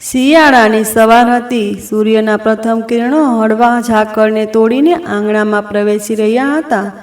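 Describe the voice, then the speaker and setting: A woman narrating a family story in a steady, expressive scripted style. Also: fairly high pitch, moderate pace. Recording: roomy echo.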